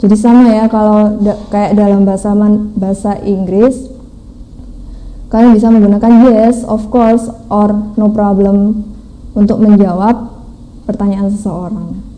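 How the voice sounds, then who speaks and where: A woman teaching a language class, explaining slowly step by step and mixing in English phrases. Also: medium pitch, level tone, dark tone, rough recording. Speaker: Mandarin teacher. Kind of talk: online language lesson.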